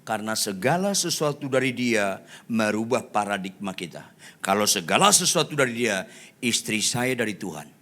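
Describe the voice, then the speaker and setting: A male pastor in his sixties preaching a sermon, telling the story dramatically and acting out the characters, swinging between soft asides and loud shouts. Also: on the low side, big pitch swings, normal speed.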